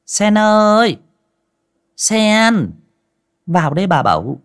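Nasty shrill lady of the house, yelling and sneering, voice jumps all over. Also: big pitch swings, moderate pace, slightly rough. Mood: shouting. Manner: shrill, scolding, shouting. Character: shrill, cruel mistress of the house, woman.

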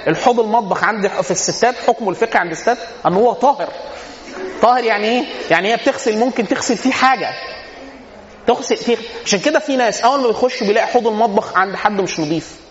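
A man's voice: sits high, a little hiss or hum. A man with an Egyptian accent giving an informal religious lesson, telling humorous anecdotes and posing rhetorical questions that he answers himself. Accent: Egyptian Arabic. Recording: echoey hall, dull lo-fi sound.

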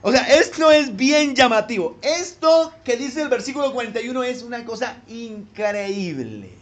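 Male pastor, high voice, sermon delivery; wide dynamic swings, asks the room questions. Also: expressive, moderate pace. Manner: swings between hushed low asides and loud emphatic peaks; addresses listeners directly with rhetorical questions.

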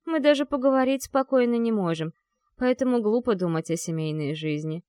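A woman narrates a fantasy novel in the first person, with a medium-pitched voice that rises and falls in a lively way. Her reading is animated and she acts out the characters' lines. The recording is dry and close, with no room sound. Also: a little fast, no echo. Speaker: audiobook narrator. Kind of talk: expressive fantasy audiobook reading.

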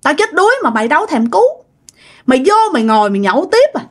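A woman voicing the angry, drunken ghost of a man, cursing and accusing in a rapid, shouting rush. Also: sits high, big pitch swings, pitched above the performer's own voice. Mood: furious.

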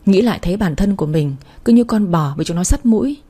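A woman's voice: mid-range voice, expressive, fast talker, dark tone, natural voice. A woman doing a blunt, scornful elder sister. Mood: bitter confession.

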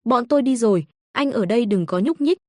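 A woman's voice: on the high side, animated, a little fast, darkish tone, no echo, studio quality. A woman voicing a clever young heroine who gives orders and teases her husband. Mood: firm. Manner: teasing, decisive.

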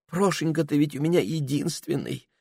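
A worried, pious mother, as a man puts her on, speaking softly in a raised, pleading voice. The sound is close and dry. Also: fairly high pitch, normal speed, gravelly, husky, no room sound, pitched above the performer's own voice. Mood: plaintive. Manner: plaintive, pleading, soft. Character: anxious pious middle-aged mother.

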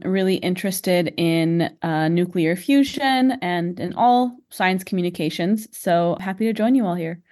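A woman's voice: fairly low pitch, a little slow, few pauses, darkish tone. Eager woman chatting on a science show. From Chicago, United States. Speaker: new co-host, PhD student. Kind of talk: casual chat.

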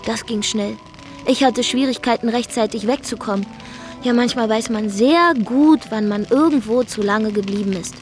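Soft music sits under this first-person radio drama monologue, narrated by an actress as a defiant, brash young woman from Zeeland. Her slightly high, natural voice keeps a moderate pace and a dry, wry way of telling the story.

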